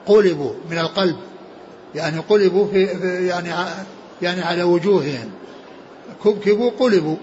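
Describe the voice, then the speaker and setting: A man teaching a classical text in a lecture, pausing often and repeating words as he explains. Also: sits high, a little mellow, highs cut off, slight background noise. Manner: halting, many repeated words and restarts. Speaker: hadith teacher.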